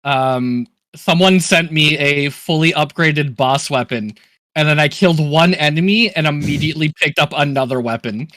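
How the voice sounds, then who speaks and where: A man on a group gaming stream, mock-despairing about his game and then offering tips. His voice is tense and bright, a little higher than usual, recorded close and dry. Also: normal speed, no room sound. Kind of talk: casual gaming stream chat.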